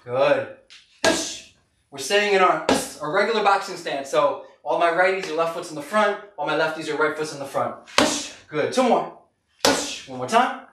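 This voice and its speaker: High-pitched male boxing coach in noisy echoey garage. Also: expressive, normal speed, long pauses, recorded from a distance. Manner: short punchy cues while punching a bag; encouraging. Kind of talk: live workout instruction. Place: garage gym, indoors, camera several metres away.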